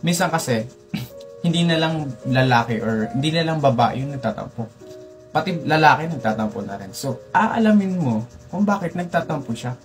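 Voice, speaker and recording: A man's voice: animated, normal speed, faint music behind. Playful man giving a mock lecture. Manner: playful, lecturing, jumps up in pitch for emphasis. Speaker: tutorial host.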